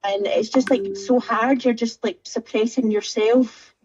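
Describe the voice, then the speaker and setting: Brief: woman participant, higher voice, hesitant and candid, lo-fi video call audio. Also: fairly even intonation, unhurried, a little mellow. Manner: hesitant, candid, many fillers. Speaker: coaching group participant. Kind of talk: sharing on a group video call.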